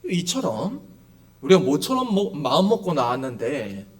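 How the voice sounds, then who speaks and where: A man's voice: a little high, sing-song, normal speed. A male pastor preaching a sermon emphatically, reading scripture and explaining it with vivid acted asides. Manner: emphatic preaching, acts out voices in quotes.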